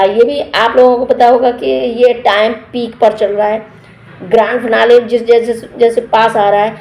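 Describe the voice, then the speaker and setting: A woman with a mellow, warm tone talks through a TV episode as a casual reviewer. She retells events in a chatty, loose way, full of fillers and restarts. Her voice carries a roomy echo. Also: a little high. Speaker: TV show reviewer.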